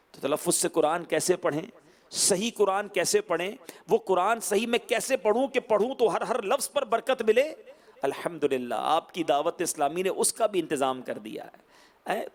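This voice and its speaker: A man preaching a sermon to a large gathering, exhorting and animated. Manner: exhorting, animated, often rising in pitch.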